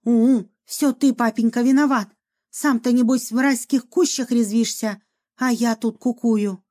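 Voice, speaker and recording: A woman voicing a chatty young female ghost, a former medium, who talks in a lively, theatrical way and sighs a lot. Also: a little high, measured pace. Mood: scolding. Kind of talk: audiobook reading.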